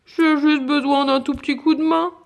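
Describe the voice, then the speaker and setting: A woman voicing a big, gentle male elephant in a read-aloud storybook who keeps asking others for help, in a drawn-out, coaxing voice. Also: sits high, flat delivery. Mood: pleading.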